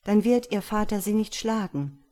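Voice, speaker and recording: A woman's voice: medium pitch, expressive, moderate pace, lightly acted. A woman reading a fairy tale aloud and voicing a selfless, sad statue prince who speaks earnestly and insistently. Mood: sorrowful. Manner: earnest, insistent, softly commanding.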